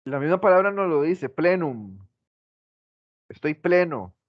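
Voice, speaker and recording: Slow-talking male teacher, dull lo-fi sound. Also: a little high, big pitch swings, no room sound. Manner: asks the class questions and repeats examples. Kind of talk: class lecture. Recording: dull lo-fi recording.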